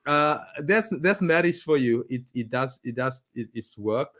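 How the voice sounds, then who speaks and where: A man co-hosting a casual live chat about marriage with his wife, speaking in halting, restarting phrases and laughing often. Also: mid-range voice, expressive, fairly bright tone. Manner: halting, many restarts, chuckling. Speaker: co-host of a couple's live talk.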